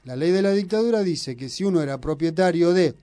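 In Argentine Spanish, a radio host with a high but dark-toned voice speaks a little fast with lively intonation, soft music playing underneath. He teases his co-host and holds forth at length on politics, provocative, argumentative and full of opinion.

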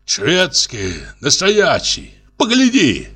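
A man voicing a quarrelsome young peasant who shouts in a high, screeching voice. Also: huge pitch swings, slow pace, slightly rough, exaggerated voice. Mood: boastful. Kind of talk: audiobook character voice.

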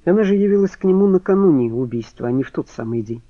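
A man's voice: fairly high pitch, animated, fast, highs cut off, pitched above the performer's own voice, lightly acted. A man voicing a cheeky, teasing brother-in-law in an audiobook, offhand and joking.

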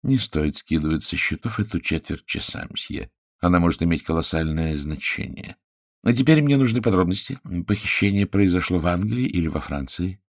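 A man's voice: low-pitched, animated, moderate pace, no echo, clean studio sound. A man voicing a fussy, precise middle-aged Belgian detective in an audiobook, pompous and pedantic. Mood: measured.

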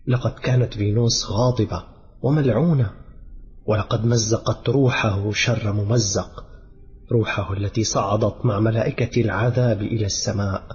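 A man narrating an audiobook in a measured, dramatic way. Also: lowish voice, dark tone, slight background noise. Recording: dull lo-fi audio with background music.

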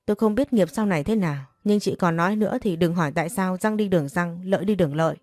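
A woman's voice: lowish voice, fast talker, darkish tone, no room sound, studio quality, soft background music, close to an everyday voice. A woman doing a hot-tempered young husband barking orders. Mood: threatening. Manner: barking, scolding.

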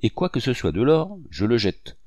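Man reading a defiant broke artist for an audiobook, boastful and loud, pitch swinging wide, dry sound. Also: wildly swooping pitch, moderate pace, dry recording. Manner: boastful, exclamatory. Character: proud, defiant poor artist man, laughing off advice.

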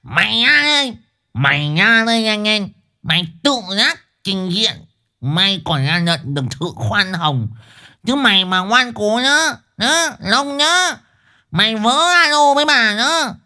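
A man's voice: high-pitched, expressive, a little slow, sharp tone, clear, resonant tone, voice pushed up, full character voice. A man voicing a brawny, brash young wife who lisps and talks bossily. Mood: threatening. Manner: lisping, bossy, threatening.

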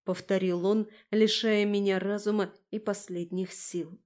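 A woman reading a first-person story aloud as an audiobook, acting out her heroine's lines with shouts and whispers. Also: medium pitch, flat delivery, unhurried. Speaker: audiobook narrator.

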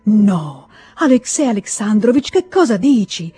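A woman's voice: mid-range voice, lively intonation, moderate pace, mellow, slightly rough. A woman reading aloud, voicing an emotional, imploring middle-aged nobleman who keeps begging his brother-in-law. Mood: pleading. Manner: emotional, imploring, rising to cries.

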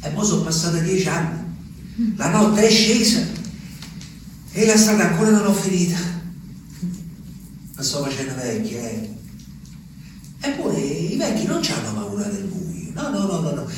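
A lonely old peasant, played by a stage actor, rambles wistfully to the moon in a theatrical monologue. The voice is high and animated at normal speed, with frequent pauses. It's a distant stage recording with reverb and some faint noise.

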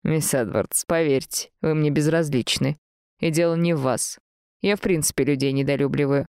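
A woman voicing a cold, mocking aristocratic man who speaks slowly and quietly, with a teasing edge. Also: low voice, clean tone, no echo, clean studio sound.

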